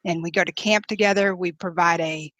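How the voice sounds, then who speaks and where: A woman's voice: lowish voice, fairly even intonation, a little fast, no echo. A woman in her forties, a guest on an interview show, chatty and easygoing, with fillers. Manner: warm, chatty, with light laughs and fillers. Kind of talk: casual interview.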